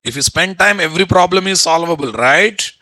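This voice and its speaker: A man's voice: on the high side, lively intonation, brisk, pushed and bright, dry recording. A middle-aged man with a Telugu Indian accent teaches an informal online class bluntly, repeating phrases and asking rhetorical questions. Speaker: software instructor. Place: indoor room, online video call.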